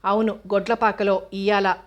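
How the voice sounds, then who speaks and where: Young village woman, plain rural dialect, storybook, mid pitch, read by a woman. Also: flat delivery, moderate pace, highs cut off, close to an everyday voice. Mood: bitter. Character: young village woman, lively turned grief-stricken.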